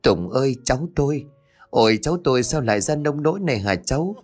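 A man's voice: medium pitch, expressive, quick pace, a little mellow, voice pushed up, close to an everyday voice. A man voicing an old man crying out over his dead grandson, in an audiobook. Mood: anguished. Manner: sobbing cries.

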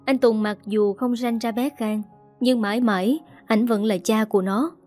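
A woman's voice: fairly high pitch, steady tone, faint music behind, natural voice. A woman reading the lines of an indignant, bitter young wife in an audio story. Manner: sharp, indignant, fast.

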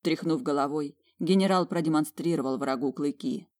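A woman's voice: low voice, moderate pace, darkish tone. Woman narrating a fantasy audiobook. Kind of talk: first-person fantasy narration.

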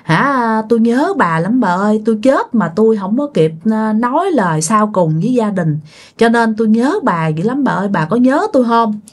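A woman's voice: fairly high pitch, lively intonation, normal speed. A woman voicing a grieving ghost husband, Southern accent. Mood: tearful. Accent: Southern Vietnamese.

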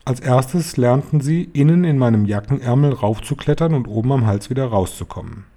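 A man narrates a children's novel in a calm, even manner. His voice is mellow and somewhat dark, at an ordinary pitch for a man. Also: fairly quick. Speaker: reader. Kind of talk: audiobook narration.

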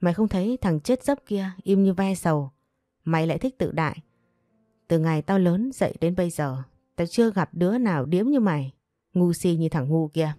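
A woman voicing a brash young man who scolds and mocks, in a low, dark voice. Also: animated, moderate pace, dry recording, studio quality, faint music behind, close to an everyday voice. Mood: scornful. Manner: taunting, scolding. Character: brash young man, protective older brother, mocking.

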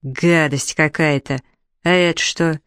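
A woman's voice: low-pitched, fairly even intonation, unhurried, a bit bright, smooth, no echo, studio quality. A woman voicing a grumpy, impatient male forest creature with fur, who grumbles and mutters. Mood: grumbling. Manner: grumbling, muttering, put-upon.

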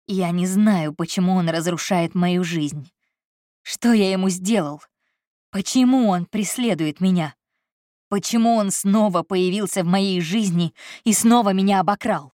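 An agitated, feverish man, played by a woman reading aloud, quick to shout. The delivery is dramatic and complaining, in a lowish, dry voice. It sounds like a storybook reading. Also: no echo, lightly acted. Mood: distraught. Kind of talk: audiobook character voice.

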